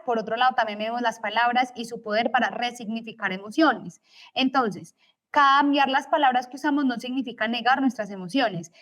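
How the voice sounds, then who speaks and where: A woman's voice: on the high side, a bit bright. A young woman lecturing as a teacher in a recorded course, explaining each point and checking in with tag questions.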